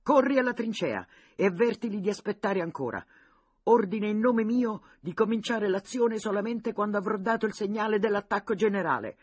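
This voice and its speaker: A man voicing an excited boy general who gives urgent orders, with a husky, higher voice. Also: normal speed, no echo, close to an everyday voice.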